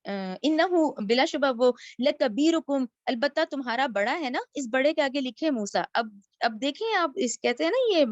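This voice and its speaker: A woman teaching a Quran lesson, reciting each Arabic phrase slowly and then explaining it in casual spoken Urdu. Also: high voice, animated, no room sound, muffled recording. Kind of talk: word-by-word Quran translation lesson.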